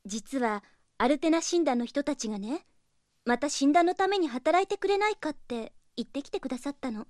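An actress playing a gentle, troubled younger sister and priestess in an audio drama, speaking in a refined, hesitant, courteous way. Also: female voice, high-pitched, lively intonation, normal speed, no echo, studio quality. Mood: troubled, apologetic. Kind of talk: Japanese audio drama acting.

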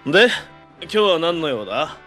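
Audio drama: brash, good-hearted young tough, forceful and animated, blunt slang, music underneath. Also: male voice, a little high, moderate pace. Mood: wry. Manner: blunt, slangy, rough masculine speech. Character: rough, brash but caring young man, exasperated straight man. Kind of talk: Japanese audio drama acting.

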